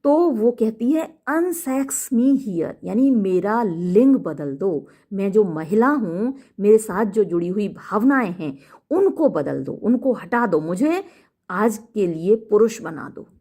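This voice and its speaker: A woman teaching a play line by line. She reads each line at an unhurried pace, then explains it. Her pitch moves a lot as she speaks. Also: lively intonation, warm tone. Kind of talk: line-by-line text explanation lesson.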